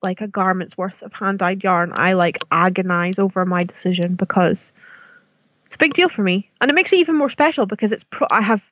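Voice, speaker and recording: A woman's voice: mid-range voice, brisk, fairly bright tone, dry recording. British woman chatting through dull, dry audio. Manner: informal, self-deprecating, teasing. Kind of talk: casual podcast chat.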